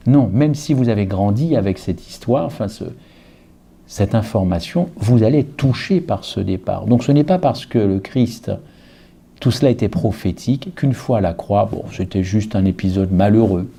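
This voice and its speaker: Guy from guadeloupe preaching, mellow dark voice, gets lively and asks lots of questions. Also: fairly low pitch, creaky, breathy edge. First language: Guadeloupean Creole alongside French. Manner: animated, rising emphasis and rhetorical questions. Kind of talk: sermon.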